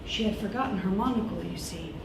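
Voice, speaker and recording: A woman improvising a story live on stage, narrating in a dramatic, halting way. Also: medium pitch, vocal fry. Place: theatre stage. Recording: echoey noisy theatre from far off.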